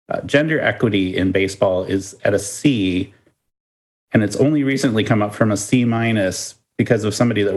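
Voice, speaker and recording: Low-voiced man with dry wisecracks. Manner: dry wisecracks, halting restarts. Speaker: podcast co-host. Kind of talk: casual baseball podcast chat.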